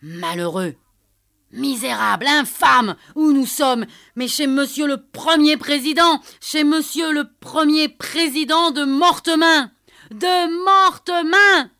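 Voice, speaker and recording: A flustered middle-aged tax collector, acted out by a woman, stammering then shrieking insults. His cries rise sharply in pitch and loudness. Dry, close storybook reading. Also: slow pace, dry recording. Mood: furious.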